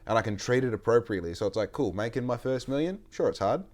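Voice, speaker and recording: A man's voice: mid-range voice, animated, fast, a little mellow. A man in his late twenties with an Australian accent, hosting a casual podcast chat and telling stories in a rambling, sweary way. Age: 20s. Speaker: podcast host.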